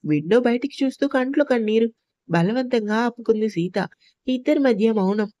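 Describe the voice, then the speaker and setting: A woman reading an emotional love story aloud as a steady storyteller. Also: on the high side, normal speed, no room sound. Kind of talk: audio story narration.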